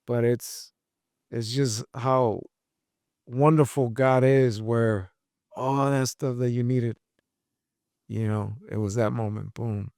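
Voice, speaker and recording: A man's voice: medium pitch, steady tone, takes it slowly, creaky, pauses often, a little mellow, dry recording, studio quality. A man hosting a podcast in casual chat, encouraging and laid-back, saying "bro" and "man" often. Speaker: podcast host.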